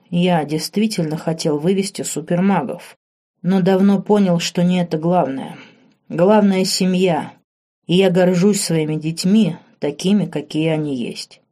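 A woman voicing a composed man in his mid-thirties, a grand master who speaks calmly and quietly. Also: sits low. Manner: calm, quiet. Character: calm 36-year-old male grand master, composed.

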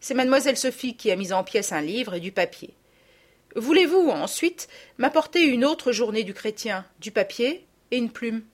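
A stern, composed lady guardian from a storybook, voiced by a woman narrator, laying down punishments in a calm, measured and severe tone. Her delivery is even on the surface but moves through a lively spread of pitch. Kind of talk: audiobook reading.

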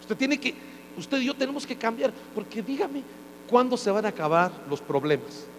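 A man's voice: very high-pitched, very animated, normal speed. A man preaching a sermon as pastor. He preaches with joking asides and acts out quotes. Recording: hall reverb with faint mains hum.

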